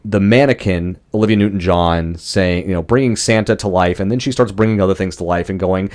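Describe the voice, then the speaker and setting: Exasperated low-voiced man ranting. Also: fairly quick, darkish tone. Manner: ranting, exasperated, swears freely. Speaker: podcast co-host. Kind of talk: casual movie review chat.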